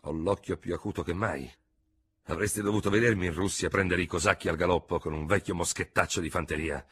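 A man's voice: sits low, fairly even intonation, brisk, a bit bright, breathy edge. Man voicing a blustering old cavalry general. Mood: grumbling. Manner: thundering, blustering outbursts. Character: old retired cavalry general, fiery and proud.

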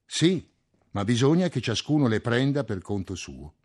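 A man reading an audiobook, voicing a calm, patient man with a gently ironic manner. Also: mid-range voice, moderate pace, slightly rough.

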